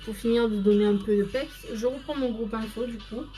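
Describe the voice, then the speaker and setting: A woman's voice: a little high, fairly quick, warm tone, faint music behind. A woman hosting a casual live makeup stream, chatting to viewers by name and explaining each step as she goes.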